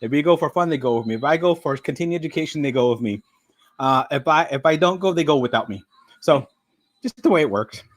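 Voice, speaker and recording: A man's voice: fairly high pitch, expressive, quick pace. Chatty middle-aged man hosting a livestream. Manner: rambling, chatty, with frequent fillers; talks while eating. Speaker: livestream host. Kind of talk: casual live-stream chat.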